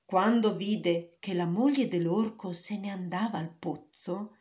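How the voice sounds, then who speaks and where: A woman's voice: medium pitch, a little slow, darkish tone. A woman narrating a fairy tale in a storybook reading, with careful storytelling.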